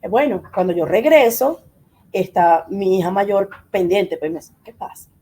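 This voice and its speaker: Lady, middle aged, chatty storyteller who acts out what people said, kinda husky and mellow. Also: mid-range voice, measured pace. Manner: animated, acts out quoted dialogue. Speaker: interview guest. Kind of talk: personal storytelling in an interview.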